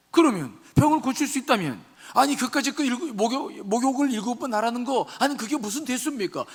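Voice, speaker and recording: A man's voice: high-pitched, creaky, a bit bright, breathy edge, big-room sound, full character voice. A male pastor voicing humble servants who coax and plead with their angry master. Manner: pleading, coaxing, rhetorical questions.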